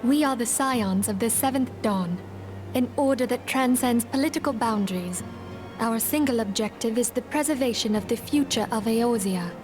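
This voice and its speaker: An actress voicing a solemn female leader of a secret order in a game, speaking in formal, measured, old-fashioned phrasing. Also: fairly high pitch, over music, natural voice. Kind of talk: game voice acting.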